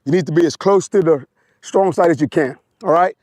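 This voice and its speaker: Step by step, a motorcycle instructor guides a slow-speed riding exercise, repeating short cues in a hoarse voice that is a little high and a little mellow. Though recorded outdoors on a wireless mic, it has studio quality and no room sound.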